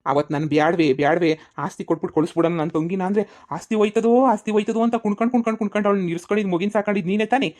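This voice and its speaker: A man's voice: high-pitched, a little mellow, close to an everyday voice. A man voicing an exasperated village husband. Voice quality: scolding, exasperated. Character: irritated village brother and husband, grumbling. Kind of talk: cartoon comedy voice acting.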